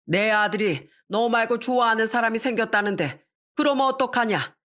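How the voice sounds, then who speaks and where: A woman's voice: on the high side, normal speed, fairly bright tone, natural voice. A domineering old father-in-law, read by a woman. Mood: scolding. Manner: scolding, self-righteous.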